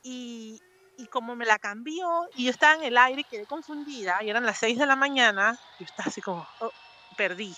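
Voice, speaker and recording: A woman's voice: a little high, brisk. A woman from Panama with a Panamanian Spanish accent, a podcast guest telling stories in casual chat and acting out voices. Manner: animated, acts out voices in her stories.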